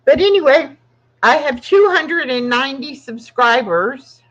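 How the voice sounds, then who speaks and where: A woman in her sixties hosts her own channel, chatting casually and rambling with frequent laughter. Her voice is high and a bit bright, with lively intonation and a slightly slow pace. The recording has a dull, lo-fi sound.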